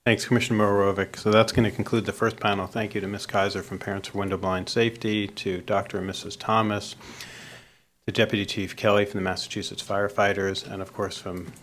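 A man serving as chairman, closing a hearing panel in a brisk, businesslike way. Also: fairly low pitch, level tone, a bit bright, a little hiss or hum.

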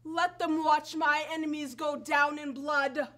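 A woman's voice: sits high, flat delivery, unhurried, bright, forceful tone. A young woman acting a wronged, vengeful foreign princess on stage, speaking with impassioned, tearful bitterness. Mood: anguished. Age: young adult. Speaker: student stage actor.

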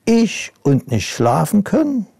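A man's voice: medium pitch, big pitch swings, a little slow, gravelly, warm tone, breathy edge, dry recording, studio quality, exaggerated voice. A man doing a weary, whining storybook ghost. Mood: scoffing. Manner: whiny, yawning. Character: pale, exhausted, whiny ghost.

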